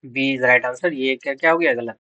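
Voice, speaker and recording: A man's voice: mid-range voice, moderate pace, bright, forceful tone, no echo, muffled recording. A man teaching English grammar for exam prep. He quizzes students, answers his own questions and spells out words letter by letter.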